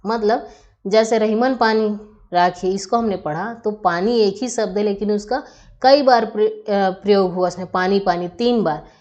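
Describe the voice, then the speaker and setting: A woman's voice: medium pitch, a little slow, a little mellow. Lady teacher going over grammar, patient, asks questions as she goes, kinda muffled lo-fi sound. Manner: patient, explains step by step with rhetorical questions. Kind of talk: explanatory lesson.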